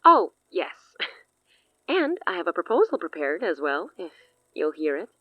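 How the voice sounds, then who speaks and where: Here an actress plays a long-lived sorceress, grandiose and amused, in horror audio drama, delivering eloquent, theatrical lines broken by hushed asides. The woman's voice sits on the low side with big pitch swings and a slightly slow pace. There's no room sound and the audio is dull, while the mood feels eager and scheming.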